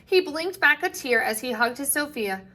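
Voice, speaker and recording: A female teacher reads a picture book aloud to children in a voice that sits high, bringing expressive delivery, dramatic pauses and stretched-out endings to her phrases.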